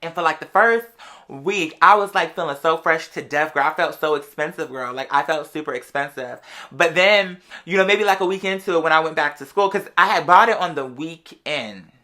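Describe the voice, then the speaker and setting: At a moderate pace, this young adult vlogger with an American accent shares stories with viewers, sounding sassy and full of slang. Their mid-range voice comes across pushed and bright.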